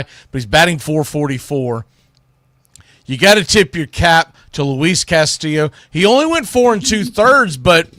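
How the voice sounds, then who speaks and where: In clean studio audio with no room sound, a sports show host chats alone on a casual livestream. His fairly bright, higher-leaning voice carries a rambling, folksy delivery, dropping in Southern-style turns such as "y'all."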